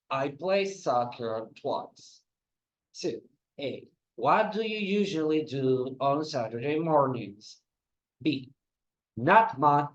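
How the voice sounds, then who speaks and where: A man teaching an English lesson on video, giving instructions and modeling sentences. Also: on the high side. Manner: explains slowly and gives classroom instructions. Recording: dull lo-fi sound.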